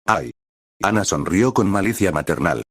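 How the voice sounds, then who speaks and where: A man narrating a dramatized fan-fiction reading in an even, descriptive storytelling manner. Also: sits low, moderate pace, no echo, studio quality.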